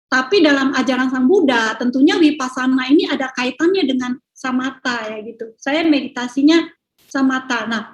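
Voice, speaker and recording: A middle-aged woman with a high, bright voice tells personal stories in a casual, chatty way, with fillers and laughs. Her voice rings in an echoey room. She talks like a speaker sharing testimony at a religious gathering. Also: normal speed, dull audio. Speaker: speaker giving a Buddhist Dhamma talk.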